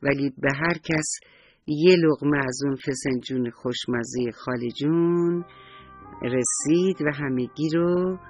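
A man narrating a children's bedtime story, gentle and affectionate, and talking straight to the kids. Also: fairly high pitch, faint music behind.

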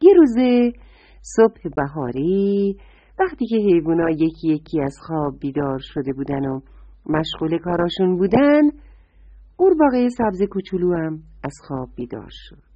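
A woman tells a children's bedtime story, tender and warmly addressing young listeners. Her voice is breathy and very lively in pitch. The recording is dry, dull and lo-fi. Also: dry recording.

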